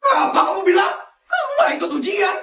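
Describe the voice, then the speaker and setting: An enraged cartoon father scolds at full volume, played by a man pushing his voice high. His pitch leaps around wildly as he shouts, and a roomy echo hangs on every line. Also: very animated, brisk, far from the mic, over a noisy crowd. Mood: furious. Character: angry, disappointed father of a schoolgirl. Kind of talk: cartoon voice acting.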